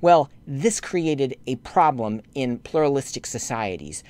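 Over a set of slides, a man with a mid-range, expressive, slightly mellow voice lectures as a lay commentator speaking to bishops. His rebukes of church leaders rise steeply in pitch when he grows indignant, while his historical explanations stay measured.

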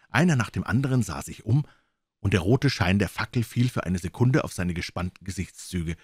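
A man's voice: sits low, slightly rough, no echo. A man narrating an audiobook in a dramatic storytelling manner. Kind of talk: audiobook reading.

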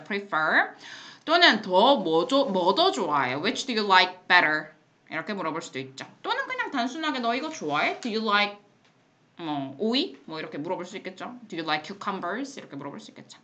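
Woman english teacher in a classroom, bright voice, reads examples nice and slow, blunt jokes at the kids. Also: mid-range voice. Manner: mixes Korean explanations with slow English example sentences; blunt, playful scolding asides. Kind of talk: classroom lesson explaining English phrases.

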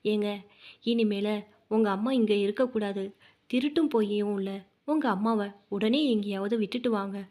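A woman voicing a scheming young daughter-in-law who scolds in a sharp, accusing way. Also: mid-range voice, steady tone, moderate pace, lightly acted. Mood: scolding.

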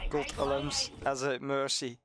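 A Belgian man whose first language is Dutch, chatting casually with teammates in halting English while streaming a team shooter. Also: a little high. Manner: hesitant, halting English with fillers. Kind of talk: casual gaming chat with teammates. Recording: game music loud behind. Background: game music.

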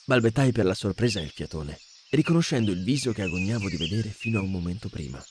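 Man, audiobook narrator, expressive, dramatic, low voice, lively pitch. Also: fast talker, background noise. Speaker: audiobook reader.

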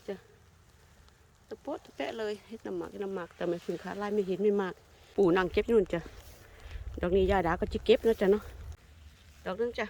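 An older Thai woman with an Isan accent, narrating a casual foraging vlog in a forest and chatting warmly to her viewers. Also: mid-range voice. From Thailand. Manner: chatty, warmly addresses viewers as kin, sweet polite endings. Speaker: vlogger. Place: forest outdoors.

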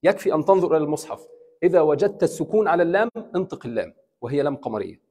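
A male imam with an Egyptian accent, teaching a class at a steady, patient pace and quizzing his listeners as he goes. His voice sits fairly high for a man and has a husky edge. It rings with the long echo of a big hall. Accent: Egyptian Arabic. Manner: explains slowly, repeating examples and asking the class questions. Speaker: imam teaching Quran recitation. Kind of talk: bilingual classroom lecture. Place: mosque hall.

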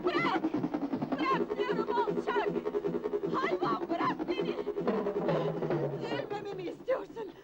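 A woman's voice: rumbling low, huge pitch swings, takes it slowly, highs cut off, exaggerated voice. An actress playing a desperate young woman addict who begs, sobs and screams in a 1980s film drama. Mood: frantic screaming. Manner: pleading, sobbing, screaming. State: crying. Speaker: film character. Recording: old film soundtrack with music.

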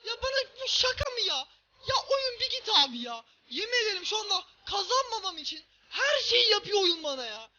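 A man commentating his own football video game match, shouting, groaning and swearing at the game. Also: very high-pitched, very animated, brisk, lo-fi sound. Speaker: gaming video host.

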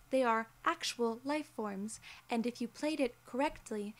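A young woman in her 20s performs an ASMR roleplay as an alien gatekeeper, using measured, deliberate, formal phrasing. Her voice is high and her pace slow. She is seated in an armchair in a small indoor room.

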